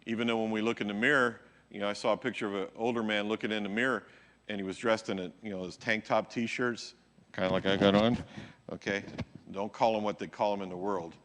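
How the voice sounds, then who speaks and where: A man's voice: fairly low pitch, fairly even intonation, quick pace, fairly bright tone, a little hiss or hum. A male pastor preaching a sermon in a conversational way, often checking in with his listeners. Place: church.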